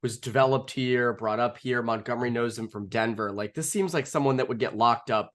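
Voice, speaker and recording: A man's voice: medium pitch, fairly quick, fairly bright tone. A man co-hosting a casual sports podcast, tossing out dry jokes between lots of "uh" and restarts. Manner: wry, full of fillers and restarts, dry jokes. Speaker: podcast co-host.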